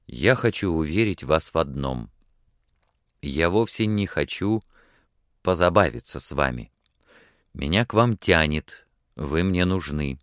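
A man voicing an unpolished grown man who speaks earnestly and haltingly in a storybook reading. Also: rumbling low, expressive, no room sound, studio quality.

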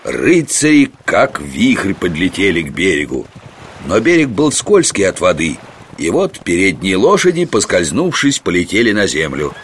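A man narrating a children's storybook in an expressive, lively storytelling voice. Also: sits low, moderate pace, a little hiss or hum.

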